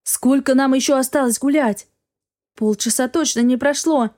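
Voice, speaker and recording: Woman, audiobook reader, first-person novel narration, emotional expressive delivery, slightly high voice. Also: moderate pace.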